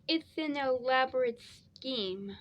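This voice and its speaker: A woman's voice: high voice, takes it slowly. A tired, sleepy woman rambling casually through a DVD review, repeating herself as she goes.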